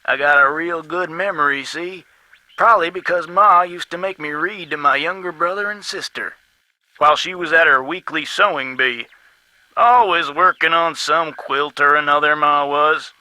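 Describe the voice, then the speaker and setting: For a game, an actor voices a folksy, long-winded man with a Southern US accent who rambles in a garrulous, drawling storytelling style, reminiscing along the way. The voice is fairly high, pushed and bright, at normal speed. The recording is dry and the audio quality poor.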